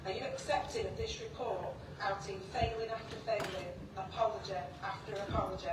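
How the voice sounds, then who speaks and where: Brief: woman councillor questioning, distant mic, roomy hall, loud background noise. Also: mid-range voice, steady tone, brisk. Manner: pointed rhetorical questions. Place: council chamber. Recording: echoey chamber, far from mic, loud noise.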